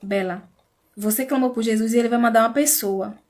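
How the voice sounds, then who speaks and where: A woman hosting a casual devotional live stream, talking intimately with soft asides and fillers. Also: a little high, brisk. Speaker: live-stream host sharing a devotional book.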